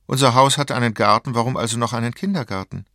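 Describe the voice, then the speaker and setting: A man voicing a tired, no-nonsense mother who is a doctor, firm and hushed. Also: mid-range voice, fast, gravelly, no echo, studio quality, pitched above the performer's own voice. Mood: decisive.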